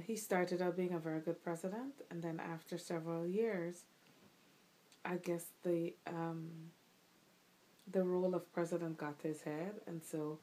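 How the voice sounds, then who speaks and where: In this casual recorded interview, the host questions his or her own mother, a middle-aged woman from Guyana who replies thoughtfully, often saying um and starting over. She speaks with a fairly low pitch and a darkish tone, and the audio is poor.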